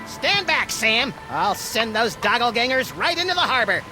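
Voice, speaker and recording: A man voicing a manic, mischievous small rabbit-like creature in a cartoon video game, excitable and wisecracking. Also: very high-pitched, moderate pace, music in the background. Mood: eager wisecracking.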